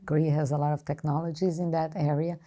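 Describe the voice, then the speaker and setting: A mature woman from Brazil, a native Portuguese speaker with a Brazilian accent, giving formal interview answers as an ambassador and pausing often to choose her words. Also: deep voice, little pitch movement, warm tone. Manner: hesitant, halting, choosing words carefully.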